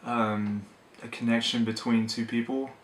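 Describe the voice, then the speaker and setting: A young male graduate student answering interview questions calmly and reflectively. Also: medium pitch, a little slow, slight background noise. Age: young adult. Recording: echoey room from a distance.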